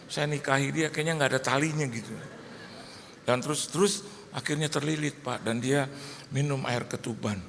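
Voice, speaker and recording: Animated gravelly preacher in a hall. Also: male voice, medium pitch, normal speed, slight background noise. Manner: storytelling, animated, acts out dialogue. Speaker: pastor. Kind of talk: sermon. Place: large church hall. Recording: echoey church hall, faint ambience.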